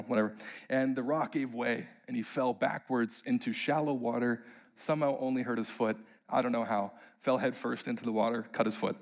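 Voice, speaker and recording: A young man preaching, telling a funny personal story and building to emphatic, animated preaching. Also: medium pitch.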